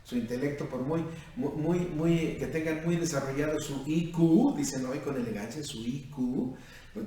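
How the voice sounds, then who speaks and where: Preaching a sermon at a youth retreat, this Mexican priest in his fifties questions the young listeners and addresses them as "mijo," his Mexican accent clear. He speaks at a moderate pace with a fairly high, warm voice, captured distantly in an echoing room over faint background noise.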